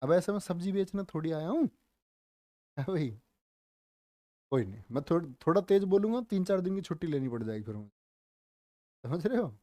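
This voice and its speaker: A man teaching a live online general knowledge class, speaking slowly and deliberately, repeating facts and quizzing his viewers, with joking asides. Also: high-pitched, mellow, no room sound, studio quality. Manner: calls viewers "dear children", joking asides. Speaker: online exam-prep teacher.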